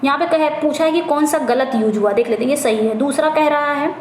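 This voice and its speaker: A woman tutor giving an exam-prep lesson, explaining each question in Hindi and reading the English lines out slowly, often repeating herself and correcting small slips. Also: high voice. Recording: echoey room, faint background noise.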